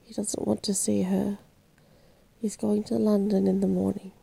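A woman softly voicing a husky, stern thin old manservant in a whispered role-play bedtime reading. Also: medium pitch, flat delivery, moderate pace.

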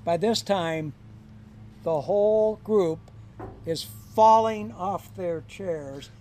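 An older man telling stories from his years as a high school counselor in a casual podcast chat, chuckling and acting out the quoted lines. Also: slow pace, warm tone, a little hiss or hum. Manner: chuckling anecdotal storyteller, acts out quoted lines.

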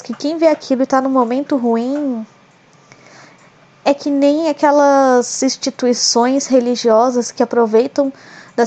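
A young woman talks casually on her own podcast, her voice sitting a little high. She rambles in a friendly, chatty way and keeps slipping in jokes and ironic asides. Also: a little mellow. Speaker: podcast host. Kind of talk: casual solo podcast chat.

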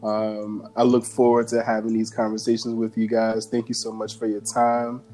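A man hosting a casual podcast chat with friends, relaxed and laughing often. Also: on the low side, normal speed. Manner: laid-back, laughs often. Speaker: podcast host.

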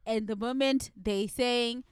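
A woman's voice: fairly high pitch, fairly even intonation, slow pace, clear, resonant tone, dry recording, studio quality. A woman in her thirties co-hosting a podcast, playfully hyping the intro and chatting casually. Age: 30s. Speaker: podcast co-host. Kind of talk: casual chat.

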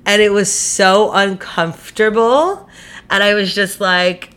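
A woman's voice: mid-range voice, slow, fairly bright tone, clear, resonant tone. A young woman casually retelling a night out, chatty and exasperated, with many fillers. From New York. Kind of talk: casual storytelling.

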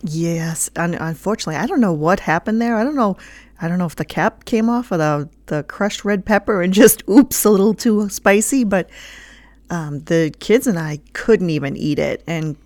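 A woman co-hosting a food show, explaining dishes in a calm, matter-of-fact way. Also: lowish voice, normal speed, no room sound. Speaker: co-host and cook. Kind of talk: casual chat.

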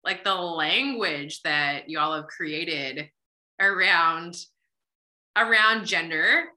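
Speaking extremely slowly in a fairly low, pushed and bright voice, a podcast host in her thirties chats reflectively in a casual conversational interview. She says "like" often.

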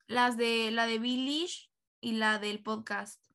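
A woman's voice: fairly high pitch, fairly even intonation, slow pace, creaky, a bit bright. A woman co-hosting a podcast in casual chat, teasing with dry irony. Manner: teasing, dryly ironic. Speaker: podcast co-host.

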